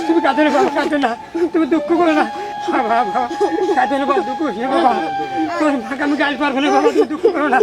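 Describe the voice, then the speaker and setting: A woman acts out a soft-hearted village parent, coaxing a weeping child. The voice sits high and the words tumble out fast, circling back to the same soothing endearments. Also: natural voice. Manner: coaxing, repeats endearments over and over. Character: tender rural parent soothing a crying son. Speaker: actor. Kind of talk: amateur village drama acting.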